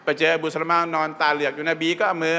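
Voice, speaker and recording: Male religious teacher, bright and fairly high voice, lively sermon style, long hall reverb. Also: fast talker. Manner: lively, asks the audience questions often. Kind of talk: Islamic sermon storytelling. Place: mosque training hall.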